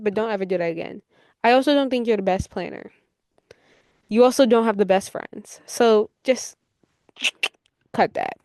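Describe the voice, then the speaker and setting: A woman's voice: mid-range voice, darkish tone, dry recording. A woman hosting her own podcast, giving blunt, profane commentary and scolding people directly. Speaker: podcast host. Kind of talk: casual solo podcast commentary.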